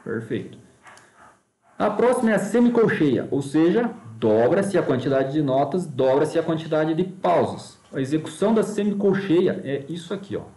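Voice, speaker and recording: A male music teacher with a somewhat high voice walks his students patiently through note values, one step at a time. He chants short rhythm syllables to show the beat. The sound carries a clear echo from the room. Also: sing-song, normal speed, dark tone. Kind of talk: recorded online music lesson. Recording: echoey room.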